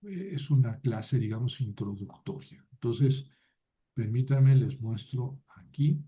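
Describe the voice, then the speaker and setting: Guy giving a slow grammar lecture, patient, keeps checking in w/ students, kinda dull lo-fi sound. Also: medium pitch. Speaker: Biblical Hebrew teacher. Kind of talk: recorded lecture.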